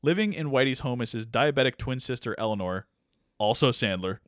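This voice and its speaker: A man's voice: medium pitch, animated, brisk, dry recording, clean studio sound. A man co-hosting a podcast, reading through a movie's plot and stopping for wry asides. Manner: summarizes with asides and laughs. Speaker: podcast co-host. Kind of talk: casual chat, reading a plot summary.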